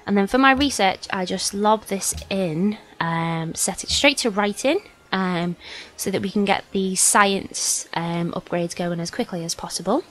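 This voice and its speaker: A woman's voice: medium pitch, unhurried, poor audio. A woman with a slight sniffle gives casual, hesitant let's play commentary, explaining things informally as she goes. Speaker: gaming video host.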